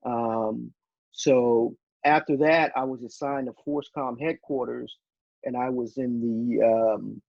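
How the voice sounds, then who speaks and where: Halting retired army man, muffled sound. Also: mid-range voice, fairly even intonation, gravelly, no echo. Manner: halting, many fillers and restarts. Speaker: guest, retired army officer. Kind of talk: casual interview storytelling.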